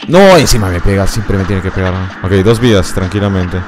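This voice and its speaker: A man's voice: sits low, brisk, background noise. A man streaming a game, giving running commentary, muttering to himself, barking orders at his character and yelping when things go wrong. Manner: excitable, yelps and laughs at the game. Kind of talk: live gameplay commentary. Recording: streamed voice over loud game music. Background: game music.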